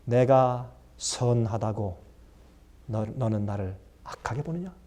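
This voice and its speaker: A man voicing a gracious vineyard master who speaks slowly and solemnly. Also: mid-range voice, noisy background, voice pushed down, natural voice. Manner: slow, solemn.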